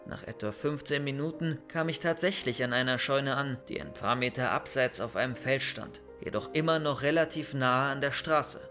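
Young male storyteller for a bedtime creepypasta, even mid-pitched voice, soft music underneath. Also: normal speed, few pauses. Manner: calm storytelling, loud shouted calls in scenes. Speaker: narrator of horror stories. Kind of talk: scripted first-person horror narration.

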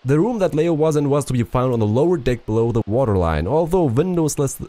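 A man's voice: medium pitch, lively intonation, fairly quick, mellow, dry recording, voice pushed up, lightly acted. A man reading a male traveler's diary aloud in an attempted French accent, stumbling over some words. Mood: earnest. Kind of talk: reading in-game text aloud.

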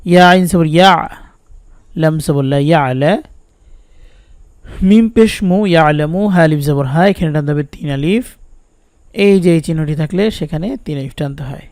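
Man, Bangladeshi Bengali accent, patient syllable-by-syllable teaching, fairly high voice, smooth, dry close sound. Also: normal speed, long pauses, darkish tone, no echo. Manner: patient, spells out each syllable and repeats it. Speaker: Quran recitation teacher. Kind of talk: step-by-step spelling lesson with slow recitation.

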